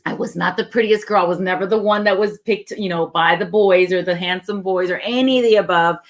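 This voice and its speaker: A woman's voice: lowish voice, fairly quick. Earnest woman telling a personal story. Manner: earnest, acts out quoted dialogue, laughs easily. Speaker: co-host sharing her testimony. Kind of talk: conversational storytelling.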